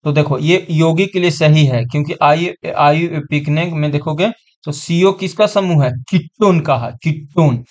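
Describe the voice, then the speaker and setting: A man's voice: on the high side, normal speed, a little mellow. A man teaching an exam-prep science class online, repeating terms and often checking that students follow.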